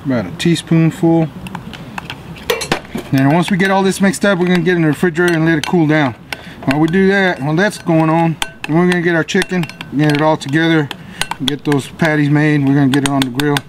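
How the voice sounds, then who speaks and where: A man's voice: fairly high pitch, steady tone, brisk, background noise. A middle-aged man, hosting a casual backyard cooking demonstration in a jolly, folksy, chatty manner. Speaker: cooking show host. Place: outdoor backyard grilling area.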